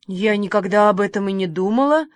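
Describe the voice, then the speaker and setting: A kindly, fussy middle-aged village woman, as a woman reader puts her on, brisk and motherly in a storybook reading. She softens her voice for endearments. The sound is dry and close, with a middling pitch. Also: no room sound, lightly acted.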